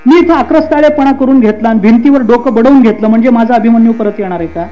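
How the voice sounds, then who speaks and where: A man voicing a grieving but composed royal mother who answers with calm, reasoning questions. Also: very high-pitched, quick pace, muffled recording, faint music behind. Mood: stoic questioning.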